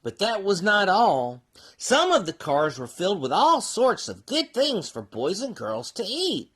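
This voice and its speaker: A performer as slow, swooping storybook mule. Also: medium pitch, husky, full character voice. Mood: gentle storytelling. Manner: animated, slow, sing-song delivery. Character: Muley, a cheerful folksy mule who reads books. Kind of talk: children's storybook read-aloud.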